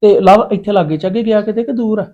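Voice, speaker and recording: A man's voice: sits high, fast, highs cut off. A man with a Punjabi accent playing a visiting relative in a family drama, talking in a pleading, reasonable way.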